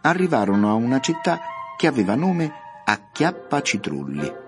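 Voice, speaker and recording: A man narrating a classic children's story for radio, reading in a measured, expressive way. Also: medium pitch, over music.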